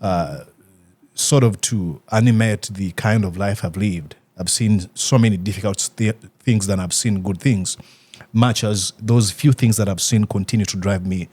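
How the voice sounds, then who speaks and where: A young man from Uganda, an author answering interview questions in an earnest, halting way with many fillers and restarts. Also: on the low side, darkish tone, slightly rough.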